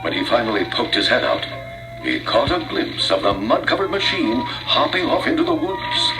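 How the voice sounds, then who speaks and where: A man narrates a scripted read-along children's story with dramatic flair, his medium-pitched voice swinging widely in pitch at a normal speed. Music plays beneath him, and the audio quality is poor.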